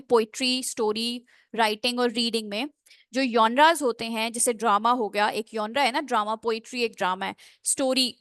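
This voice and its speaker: A woman teaching English pronunciation in an online class, switching between Hindi and English, drawing out model phrases slowly and checking in with students often. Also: a little high, fairly bright tone, no echo, studio quality. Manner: slow, drawn-out model phrases, with frequent check-ins. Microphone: computer mic on a screen-shared video call.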